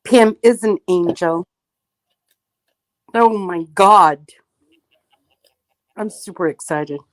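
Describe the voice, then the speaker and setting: A woman's voice: on the low side, drawn-out words, dry recording. A woman co-hosting a casual reseller livestream chat, effusive and emotional.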